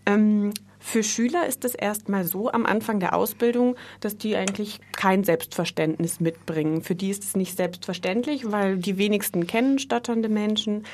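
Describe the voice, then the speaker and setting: A woman's voice: medium pitch, moderate pace, few pauses, a little mellow, a little hiss or hum. A woman who teaches speech therapy, a guest in a radio studio, answering questions thoughtfully with small fillers.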